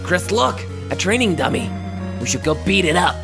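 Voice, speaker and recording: A man's voice: sits high, very animated, normal speed, creaky, pitched above the performer's own voice, exaggerated voice. A man voicing a brash, tough young female monster who talks in a blunt, slangy mumble. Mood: eager. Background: game music.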